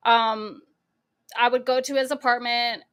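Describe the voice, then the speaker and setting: A woman's voice: a little high, fairly even intonation, a little slow, a bit bright, clear, resonant tone. A young adult woman hosting a casual live stream, chatty and easily amused, greeting viewers by name. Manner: chatty, greets chat names one by one, laughs easily.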